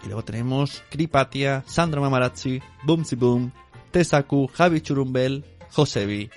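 A man co-hosting a podcast in casual banter, jokey and quick at reading out lists. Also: medium pitch, faint music behind. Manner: jokey, rapid list-reading, bursts of laughter. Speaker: podcast co-host.

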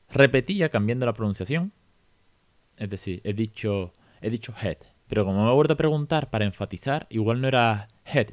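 A man in his thirties hosting a podcast, talking casually with frequent "¿no?" tags and animated rhetorical asides. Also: lowish voice, no room sound. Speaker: podcast host.

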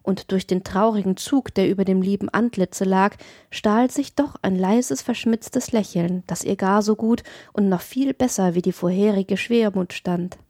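A woman narrating a literary audiobook in a measured storytelling manner, close to the mic. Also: medium pitch, a little mellow, no room sound.

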